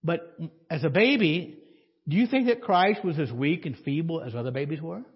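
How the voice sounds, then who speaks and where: In a church sanctuary, a male pastor delivers a conversational sermon, putting questions to the congregation and adding dry sarcasm. His voice is on the high side with a breathy edge and a moderate pace, and the dull audio carries long church reverb.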